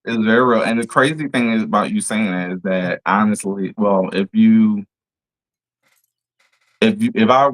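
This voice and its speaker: A man from New Orleans with a New Orleans accent, a therapist talking as a podcast guest in a measured way. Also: lowish voice, poor audio. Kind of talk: casual podcast conversation.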